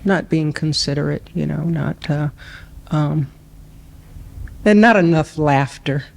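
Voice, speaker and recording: A woman's voice: low voice, takes it slowly, gravelly, darkish tone. A woman in her sixties, a dating show contestant who chats in a cheerful, upbeat way. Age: 60s. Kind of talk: casual chat.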